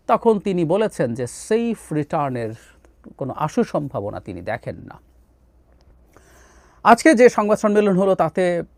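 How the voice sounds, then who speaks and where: Male commentator, lively pitch, fairly high voice, dry close sound. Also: gravelly, no echo. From Bangladesh. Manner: animated, drops into English phrases, many "ah" fillers. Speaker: political commentator. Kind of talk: solo political commentary.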